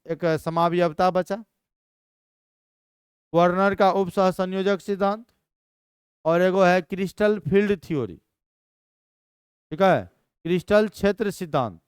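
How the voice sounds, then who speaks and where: High-voiced man, chemistry lecture, lively and quizzing, very clear dry sound. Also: dry recording. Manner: energetic, questioning students constantly. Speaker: chemistry teacher. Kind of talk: live classroom lecture.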